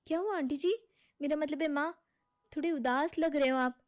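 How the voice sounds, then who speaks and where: A woman's voice: sits high, moderate pace, close to an everyday voice. A woman voicing a scheming, manipulative young wife who sweet-talks her in-laws in a cartoon story. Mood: sweet-talking. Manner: sugary, scheming.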